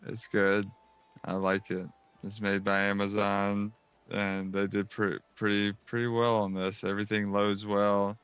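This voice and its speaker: A man talks over a voice-chat line in a low, flat, even voice that stays smooth and clear-toned. The audio comes through dull and muffled, and he rambles along in an easygoing way. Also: a little slow, no echo. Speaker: cousin on voice call. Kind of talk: casual chat over voice call.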